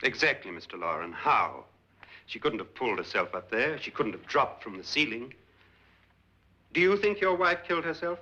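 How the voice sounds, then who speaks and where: Stern, very sharp-voiced doctor. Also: male voice, medium pitch, very animated. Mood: accusing. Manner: deliberate, interrogating. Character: stern, accusing male doctor, coolly logical. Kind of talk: vintage suspense film acting. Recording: dull old film soundtrack.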